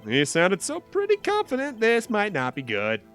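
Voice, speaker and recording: Brief: male game streamer, animated and joking, slightly high pitch. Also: moderate pace, soft background music. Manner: joking, self-deprecating. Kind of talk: casual gameplay commentary.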